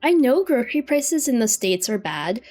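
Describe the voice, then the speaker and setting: A Canadian woman livestreamer chatting casually over a game, rambling in a sleepy, low-key but playful way. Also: big pitch swings, moderate pace, darkish tone. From British Columbia, Canada. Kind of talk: casual chat while playing a farming game. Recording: music behind the voice. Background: music.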